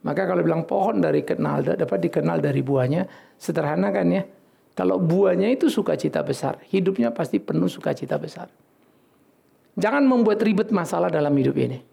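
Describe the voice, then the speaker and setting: A man preaching a sermon in an animated, scolding and joking way, with sudden loud bursts. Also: a little high, vocal fry. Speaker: pastor.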